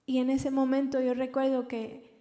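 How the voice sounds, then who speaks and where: A young woman giving an emotional personal testimony in church, halting and repeating words as she recounts. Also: high voice, completely flat delivery, mellow. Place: large church hall. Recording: reverberant church hall.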